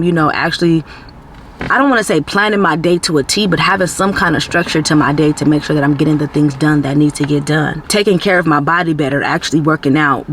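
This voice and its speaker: A man's voice: a little high, fairly bright tone, a little hiss or hum. A man giving a casual, earnest motivational talk to camera as a self-growth vlogger, with a preachy, faith-based tone and lots of "like" and "you know".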